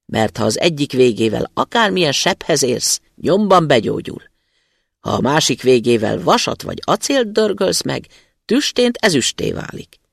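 A man doing a booming giant spirit. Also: very animated, creaky, husky, no echo, studio quality, heavily acted. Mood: grand.

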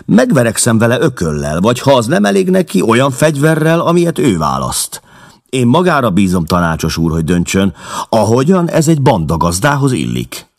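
Male reader playing a cool young newcomer, defiant, husky and lively. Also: mid-range voice, voice pushed up. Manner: bold, challenging.

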